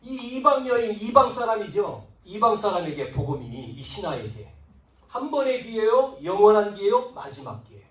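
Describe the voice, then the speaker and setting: A male pastor preaching a sermon, swinging between loud emphatic lines and hushed asides, acting out biblical figures in quoted speech. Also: high voice, big pitch swings, moderate pace. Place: church sanctuary. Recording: roomy, distant church recording.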